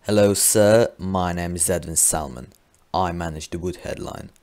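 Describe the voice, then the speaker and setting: Measured, courteous railway boss, played by a man, deep pitch, amateur drama. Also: darkish tone, natural voice. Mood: polite, businesslike. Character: polite, measured male railway manager. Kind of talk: amateur train drama acting.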